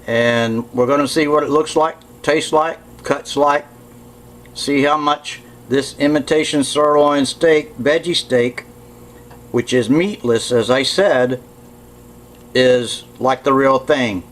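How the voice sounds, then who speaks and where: Guy in his home kitchen talking slow through a cooking demo, plain way of talking, keeps fixing what he just said. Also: mid-range voice, rough recording. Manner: slow, plainspoken, self-correcting as he goes. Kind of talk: casual cooking demonstration.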